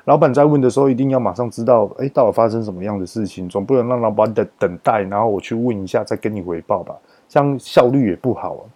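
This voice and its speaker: A man with a Taiwanese Mandarin accent, telling a work story as a podcast host in a casual, animated way, stretching his sentence-final particles for emphasis. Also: fairly low pitch, fast, few pauses, slightly rough.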